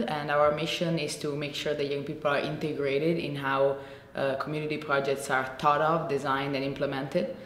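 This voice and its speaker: A woman in her thirties from Italy, answering interview questions with many pauses and restarts. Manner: hesitant, many fillers and restarts. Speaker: program alumna. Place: indoor room with shuttered window. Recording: echoey room with faint rumble.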